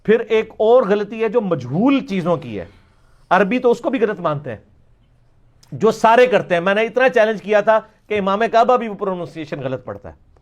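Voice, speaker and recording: High-voiced emphatic man lecturing. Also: big pitch swings. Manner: emphatic, repeats words to demonstrate pronunciation. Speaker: religious lecturer. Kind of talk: question-and-answer lecture.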